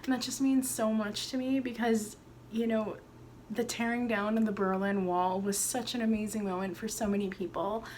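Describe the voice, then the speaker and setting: A young adult woman vlogging from home, gushing and excitable as she unboxes and shows art. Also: medium pitch, normal speed, a little hiss or hum. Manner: gushing, excitable, breathy exclamations. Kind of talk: casual home vlog, unboxing. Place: at home, indoors.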